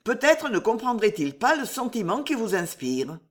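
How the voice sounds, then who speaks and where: Woman doing a calm colonel, measured, persuasive. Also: on the high side. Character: calm, reserved male colonel.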